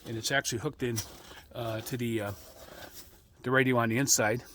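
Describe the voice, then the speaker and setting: A middle-aged American man giving an informal, rambling explanation as a radio hobbyist, speaking in a halting way. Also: medium pitch, fairly even intonation, a bit bright, a little hiss or hum. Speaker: amateur radio hobbyist hosting an introductory video.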